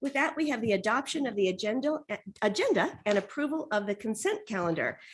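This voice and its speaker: Husky-voiced woman chairing a public meeting. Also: on the high side, very animated, fairly quick. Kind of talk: formal meeting facilitation with spoken remarks.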